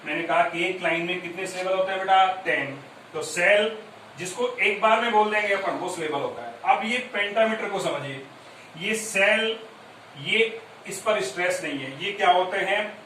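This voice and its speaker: A man's voice: high voice, moderate pace, bright, forceful tone. A male school teacher giving a classroom lecture on poetry, explaining step by step, repeating key points and quizzing his students. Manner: mixes English terms into Hindi explanation. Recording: very echoey room, distant mic, faint noise.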